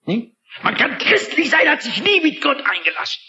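A man's voice: extremely high pitch, big pitch swings, normal speed, bright, forceful tone. A man preaching a sermon in an emphatic, dramatic manner, often asking the listeners rhetorical questions. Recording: echoey, dull lo-fi recording.

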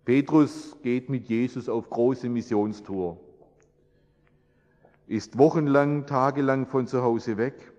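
A man's voice: medium pitch, slow, a little mellow. A man preaching a sermon and praying, in an earnest, repetitive preaching cadence. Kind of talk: sermon with prayer. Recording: long reverb, dull lo-fi sound.

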